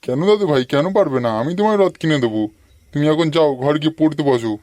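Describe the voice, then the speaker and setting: A man's voice: fairly high pitch, animated, fast talker, darkish tone, natural voice. A man voicing a doting but crude old grandfather in a comic cartoon. He sounds coarse but affectionate.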